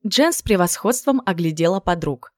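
A woman reading a novel aloud as narrator in an expressive, even manner. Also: on the low side, moderate pace, no echo, clean studio sound. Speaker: audiobook narrator. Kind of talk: scripted narration.

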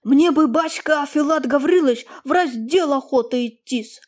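A woman's voice: sits high, normal speed, darkish tone, pitched above the performer's own voice, lightly acted. Woman voicing a naive timid young peasant lad. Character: naive young peasant man, awkward, downtrodden.

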